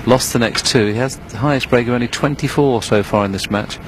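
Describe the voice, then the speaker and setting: A man giving hushed, low-key snooker commentary in a measured, unhurried, analytical way. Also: a little hiss or hum, poor audio.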